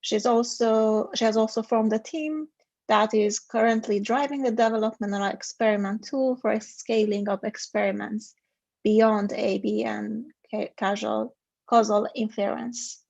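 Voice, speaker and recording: A woman's voice: on the high side, fairly even intonation, unhurried, vocal fry, darkish tone, no room sound. A woman hosting an online event, introducing the next speaker and reading out a bio with hesitations. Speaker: event host. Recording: dull dry lo-fi audio.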